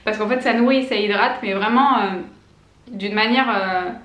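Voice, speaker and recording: A beauty vlogger in her late twenties reviews a product to camera at normal speed, in a mid-range, fairly bright voice. She's enthusiastic and casual, with lots of fillers and restarts, and the recording is reverberant.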